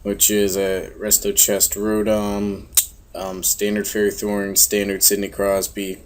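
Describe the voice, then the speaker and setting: A young man from Florida with a monotone voice, giving laid-back, casual gameplay commentary full of fillers and offhand swearing. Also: lowish voice, a little slow. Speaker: game commentator.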